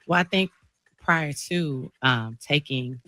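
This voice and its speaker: Bright-voiced earnest man. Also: a little high, slow pace. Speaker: show guest. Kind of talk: personal talk on a show.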